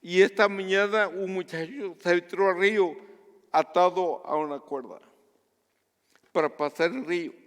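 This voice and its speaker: A man from Guatemala preaching a sermon as pastor, earnest and measured, dropping to a hush for personal stories. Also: high-pitched, long reverb tail.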